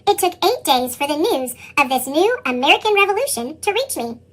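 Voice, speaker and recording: Using a pitched-up, squeaky chipmunk sound, a woman performs scripted picture-book narration as an earnest young boy. Her animated children's read-aloud is a little fast and has a determined mood.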